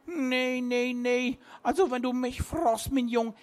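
A man's voice: extremely high pitch, slow, darkish tone, voice pushed up. A man doing a slurring old sea captain. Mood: gruff, slurring. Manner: slurred, dialect-tinged speech. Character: tipsy old male sea captain, gruff and superstitious.

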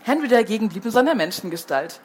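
A woman's voice: medium pitch, animated, quick pace, slight background noise. A woman reading a children's book aloud as the storyteller, who falls into hesitant fillers when she chats between passages.

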